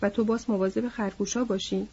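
A weary, protective man, as a woman reader voices him, speaking softly and reassuringly in a storybook reading. Her voice is mellow and husky, and the lo-fi recording sounds dull. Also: mid-range voice, fairly even intonation. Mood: hushed. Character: weary protective grown man, gentle and grim.

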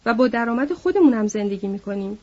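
A woman's voice: fairly high pitch, lively intonation, warm tone. A woman voicing a big, simple-minded, childlike man who pleads eagerly, reading aloud in a storybook. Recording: dull lo-fi recording.

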